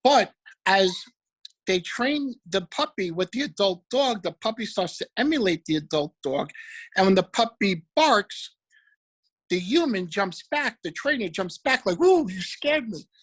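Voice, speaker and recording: A man giving an energetic, preachy motivational talk about trading, repeating affirmations. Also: high voice, a little slow, rough recording. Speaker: motivational speaker for a trading group.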